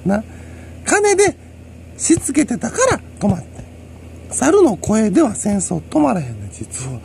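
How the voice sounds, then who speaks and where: Speaking alone in a Kansai Japanese accent, a commentator wanders through a lecturing monologue, laughing quietly to himself. His gravelly, dark voice swoops wildly in pitch at a measured pace, with a little noise under the recording.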